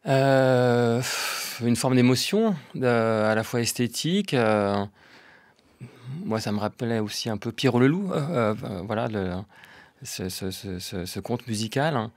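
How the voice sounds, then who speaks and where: A man's voice: medium pitch, expressive, unhurried, no room sound. A man in his fifties from Brittany, answering radio interview questions hesitantly, with many fillers and repeated words. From Brittany, France. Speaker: guest artist.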